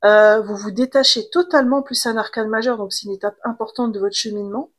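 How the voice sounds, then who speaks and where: A woman, giving a casual, chatty tarot card reading with gentle fillers and restarts. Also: mid-range voice, steady tone, brisk. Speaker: tarot reader.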